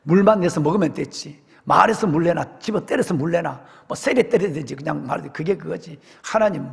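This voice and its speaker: A man's voice: fairly high pitch, fairly quick, vocal fry. A man voicing a crowd of ancient people grumbling indignantly in casual speech. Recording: long church hall reverb.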